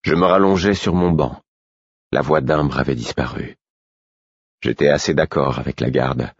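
A man narrating a novel in the first person, with a husky voice and a measured, introspective reading. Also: very deep voice, no room sound, muffled recording. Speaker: audiobook narrator.

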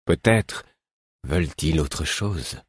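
Injured man, weak and slow, man reading, husky, low, dry. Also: animated, no echo, exaggerated voice. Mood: faint. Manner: slow, faint.

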